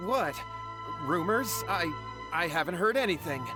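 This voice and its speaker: A man's voice: high voice, animated, a little slow. An actor playing an anxious, earnest young man who stammers when pressed, in a video game. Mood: flustered. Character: anxious young man pleading for his brother. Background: game background music.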